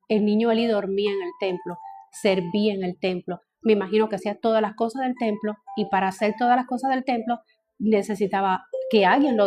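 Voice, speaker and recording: A woman's voice: medium pitch, darkish tone. A woman teaching a Bible study, often repeating phrases and checking in with her listeners.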